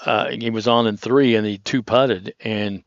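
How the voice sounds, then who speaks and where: A man giving relaxed, conversational golf commentary in a chatty, rambling, anecdotal way. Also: fairly low pitch, measured pace, dry recording, dull audio.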